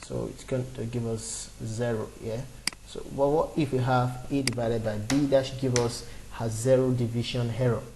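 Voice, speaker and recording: A male tutor in his twenties records his screen while teaching a beginner coding lesson on the fly, narrating each step amid fillers and restarts. He speaks in a mid-range voice at a moderate pace with fairly even intonation, and background noise is audible.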